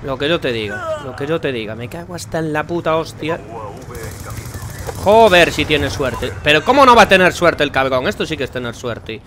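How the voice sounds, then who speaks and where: A man's voice: a little high, lively intonation, brisk, hardly any pauses. Swearing young man from Spain, gaming. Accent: Spain Spanish. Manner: frustrated, sarcastic, swears a lot. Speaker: gaming channel host. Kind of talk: live gameplay commentary. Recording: game noise and gunfire behind.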